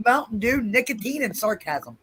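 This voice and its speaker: A man's voice: extremely high pitch, big pitch swings, moderate pace, bright, forceful tone, slightly rough. A man in a casual group video chat, trading dry, sarcastic quips.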